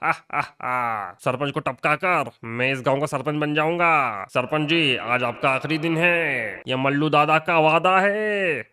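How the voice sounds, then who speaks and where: A man's voice: on the high side, measured pace, few pauses, sharp tone, clear, resonant tone. A man voicing a scheming, menacing village gangster who gloats to himself in a game roleplay skit. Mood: gloating, scheming. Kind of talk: Minecraft roleplay skit voice acting.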